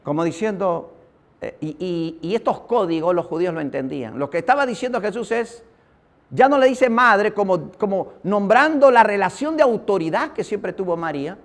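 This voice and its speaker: Preacher guy, pretty high voice, tells stories, calls everyone brother. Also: animated, moderate pace. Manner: storytelling, addresses listeners as brother. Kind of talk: sermon with personal testimony.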